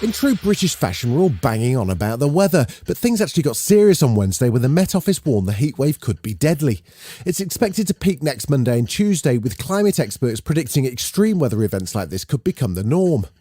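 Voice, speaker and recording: Lively male news podcast host. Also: medium pitch, a little fast, slightly rough, dry recording. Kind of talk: scripted news narration.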